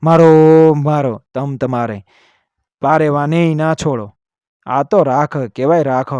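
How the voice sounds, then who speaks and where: A man's voice: on the high side, a little slow, a little mellow, dry recording, studio quality, close to an everyday voice. A man voicing a scornful man in a village crowd who eggs others on. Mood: jeering.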